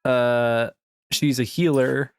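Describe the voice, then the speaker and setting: A man commenting casually on a video game in a medium-pitched voice. He is jokey and irreverent, with faint game music behind him. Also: steady tone, takes it slowly, clean tone, no room sound. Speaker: gamer playing on camera or stream. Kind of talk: casual joking gameplay commentary.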